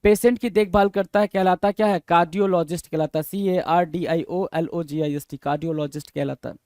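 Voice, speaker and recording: A man with a high voice teaching English vocabulary in an exam-prep lesson. He reads definitions slowly, explains them, and drills the answers, firing questions back at the listener and spelling each word letter by letter. The recording is dry and close, with no room sound. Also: fairly even intonation, darkish tone, clean tone, no echo. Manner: quizzes students with repeated questions, spells words letter by letter.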